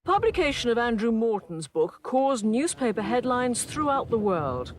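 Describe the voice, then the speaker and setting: A woman's voice: a little high, very animated, normal speed. A woman delivering a scripted news report.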